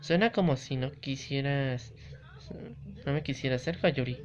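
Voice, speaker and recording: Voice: mid-range voice, normal speed, faint music behind, lightly acted. Papel: jugador leyendo a chica serena de videojuego, lectura pareja, tono medio. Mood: composed. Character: calm confident teenage girl, club president. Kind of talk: reading game dialogue aloud. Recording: dull lo-fi recording.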